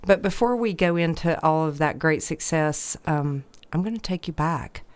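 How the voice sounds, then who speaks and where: A woman hosts a podcast interview, her questions empathetic and probing. She has a deep voice at normal speed and sounds slightly stuffy.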